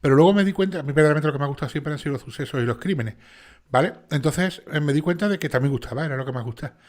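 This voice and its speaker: A man from Seville with a strong Sevillian Andalusian Spanish accent hosts and narrates a casual livestream chat. His voice is a little high with a darkish tone, and he talks rapidly and chattily, often restarting and checking on listeners with "¿vale?"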